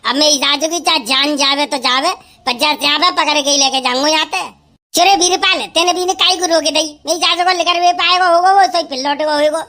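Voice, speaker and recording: A very high, bright woman's voice. She performs a village comedy sketch, loud, shrill and bantering. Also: fairly quick.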